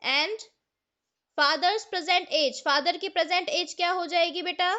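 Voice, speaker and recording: A woman with an Indian accent teaches an online maths class, her voice high and bright. She explains each step slowly and keeps putting questions to her students. The sound is dull and lo-fi, like online class audio. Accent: Indian English. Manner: explains step by step, asks the students questions, mixes Hindi and English.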